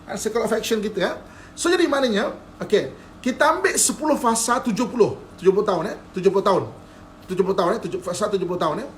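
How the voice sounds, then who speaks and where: A religious teacher with a Malaysian Malay accent gives a live-streamed lecture in a high-pitched, expressive voice at a quick pace, with slight background noise. He's playful, chuckles often, and keeps asking whether listeners follow him.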